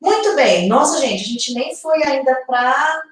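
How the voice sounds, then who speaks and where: A Brazilian woman teaching English in a live online lesson, explaining slowly and checking in with her viewers. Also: high voice, animated, heavy reverb, far from the mic, a little hiss or hum, low-quality recording. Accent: Brazilian Portuguese.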